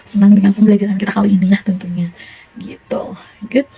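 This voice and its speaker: Brisk, husky young Sundanese teacher woman. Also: mid-range voice, little pitch movement, dark tone, dull audio. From Indonesia. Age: young adult. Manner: encouraging, praising pupils often. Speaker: primary school teacher. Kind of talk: classroom teaching.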